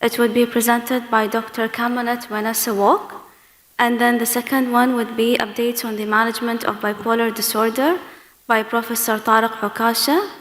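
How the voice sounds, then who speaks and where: A woman's fairly high voice rings through a very echoey hall with long reverb. She speaks as a session chair, formally introducing speakers at a conference. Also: steady tone, moderate pace, a bit bright.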